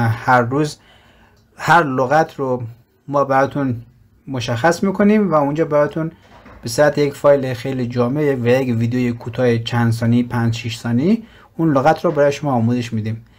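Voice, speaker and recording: A man with a Persian accent giving a screen-recorded walkthrough of his website, explaining step by step with fillers and pauses. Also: mid-range voice. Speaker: website presenter.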